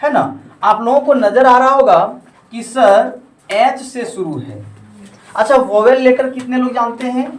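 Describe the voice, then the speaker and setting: A man with a very high, fairly even voice tutors a class in English grammar at a moderate pace, constantly asking questions and leaving sentences open for students to finish. It's a classroom lesson in a coaching classroom, recorded from a distance in a roomy space, with students chattering and answering in the background.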